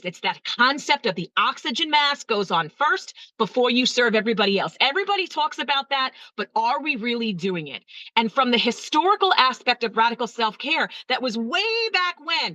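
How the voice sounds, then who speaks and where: Woman, middle-aged, expressive, high-ish voice, close dry sound, interview guest. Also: a little fast, no room sound, rough recording. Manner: expressive, emotional, animated storytelling. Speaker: guest, teacher wellbeing coach. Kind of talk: podcast interview.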